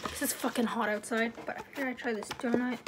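A woman's voice: a little high, steady tone, fast, background noise. A young woman chatting casually to the camera in a vlog, rambling and now and then dropping to a whisper. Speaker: vlogger.

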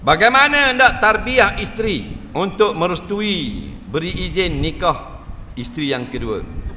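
A man teaches in a light, teasing way and keeps asking his crowd if they follow. His voice sits a little high and sounds bright. It echoes through a large mosque hall with a faint hiss underneath. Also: big pitch swings, unhurried. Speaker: Islamic religious teacher. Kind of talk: humorous mosque lecture.

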